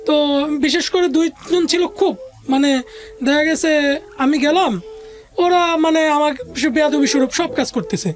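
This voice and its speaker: A woman with a high voice talks a little slowly, pausing often, while music runs under her speech. She has a Bangladeshi accent and recounts a personal story as an interview guest in casual Bengali sprinkled with English business words.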